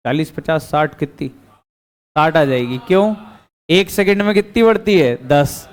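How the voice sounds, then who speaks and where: This male physics teacher speaks in a high, slightly mellow voice at a moderate pace. During his classroom lecture he puts questions to the students and supplies the answers himself.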